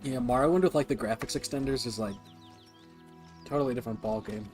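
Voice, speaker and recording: A man live-streaming a game, chatting casually with lots of fillers like "like" and "you know", and breaking into loud, excited reactions during fights. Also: medium pitch, fairly quick, soft background music. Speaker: streamer playing a game for the first time.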